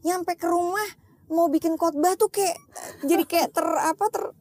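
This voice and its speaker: A middle-aged woman, a lay preacher appearing as a guest, shares a personal testimony in a casual chat, telling her story animatedly and slipping into English phrases. Her pitch is extremely high and her speed normal, with a loud crowd in the background.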